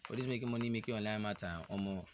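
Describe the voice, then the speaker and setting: A man's voice: fairly low pitch, steady tone, rapid-fire, a little hiss or hum. A young Nigerian man chatting casually to his vlog audience, joking and rambling, slipping into pidgin. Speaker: vlogger. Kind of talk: casual chat to camera.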